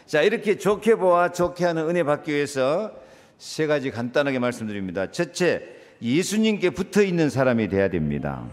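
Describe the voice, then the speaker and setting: A man's voice: big pitch swings, normal speed, in a large hall. A male pastor preaching a sermon, repeating key words for emphasis and calling on the congregation to answer and greet each other. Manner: preaching with big swings in pitch and loudness, repeating key words; asks the congregation to answer and greet one another. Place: church sanctuary.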